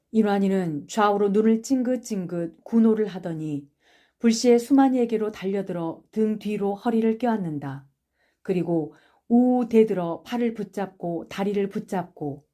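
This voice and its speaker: A woman narrating a short story for an audiobook in a measured, steady storytelling manner. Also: mid-range voice.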